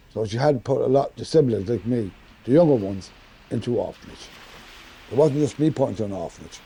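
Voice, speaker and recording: A man's voice: on the low side, vocal fry, mellow, slightly rough. An older man with an Irish accent, telling his life story candidly and checking often that he is understood. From Dublin and Drogheda, Ireland. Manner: conversational, often adding 'right?' and 'you know what I mean'. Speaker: documentary interviewee.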